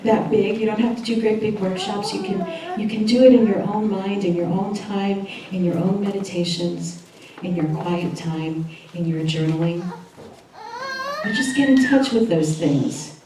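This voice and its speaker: A woman minister giving a chatty, lively sermon and laughing often as she talks with the congregation. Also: medium pitch, measured pace, a crowd in the background. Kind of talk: sermon with audience interaction. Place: church hall. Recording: echoey hall, voice from far off.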